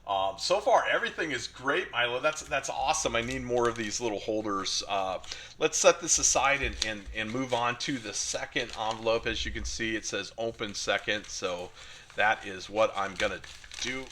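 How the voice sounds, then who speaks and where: A middle-aged American man who hosts a card collecting channel chats casually and enthusiastically while opening collector mail, using lots of fillers. His voice is medium-pitched with a bright, forceful tone at normal speed, and there is slight background noise.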